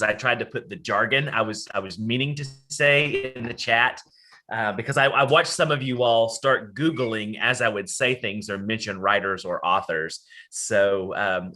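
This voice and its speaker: A man's voice: lowish voice, normal speed, sharp tone. A man with a Southern Appalachian accent giving an informal online talk, discursive, mixing folksy and academic phrasing. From Southern Appalachia, United States. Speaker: academic presenter, college dean. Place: at home, on a video call.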